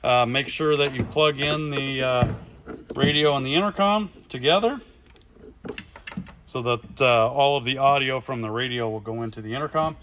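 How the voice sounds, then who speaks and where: A man with a mid-range voice at normal speed demonstrates a product installation for a radio company in a garage workshop. He keeps it casual, hands-on and plainly informal, against a noisy background.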